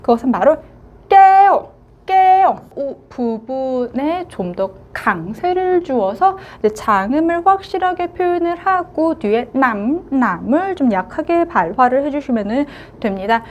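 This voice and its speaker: High-voiced woman teaching a language lesson. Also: very animated, dull audio. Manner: slow, drawn-out modelling of words, frequent "자".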